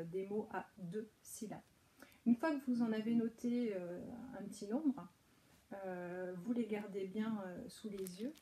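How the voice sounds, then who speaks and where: Patient French teacher, mellow voice. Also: female voice, mid-range voice, a little hiss or hum, poor audio. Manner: patient, step-by-step explaining with many hesitations. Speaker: preschool teacher. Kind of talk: instructional talk to parents.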